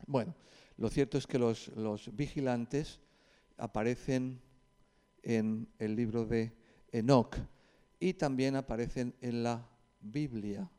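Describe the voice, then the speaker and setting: His mid-range voice is mellow and clean, with fairly even intonation. He's a man from Spain giving an informal, didactic talk to a group, pausing hesitantly and adding asides.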